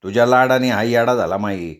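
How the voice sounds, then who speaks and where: A man's voice: medium pitch, fairly quick, lightly acted. A man voicing a mocking elder brother who tells tales, in a storybook reading. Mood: tattling. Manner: taunting, tattling.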